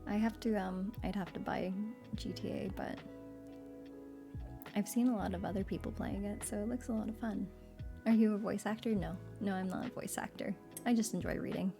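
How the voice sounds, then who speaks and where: A woman streamer with a sleepy morning voice, chatting with viewers in a relaxed way between soft readings aloud. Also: mid-range voice, moderate pace, creaky, over music. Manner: relaxed, chatty, laughs often. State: morning voice, still waking up.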